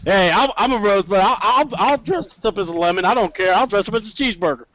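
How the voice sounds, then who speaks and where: Excitable high-voiced male podcast host. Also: fast talker, muffled recording, slight background noise. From American South. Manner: excitable, loud bursts, joking. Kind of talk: casual podcast interview.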